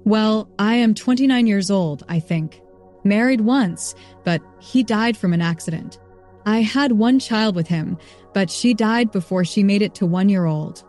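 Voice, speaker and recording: A meek serving woman from a castle answers in a deferential, mid-pitched voice, as a woman reads her part. This is a storybook reading with faint music in the background. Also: unhurried, a little mellow, lightly acted.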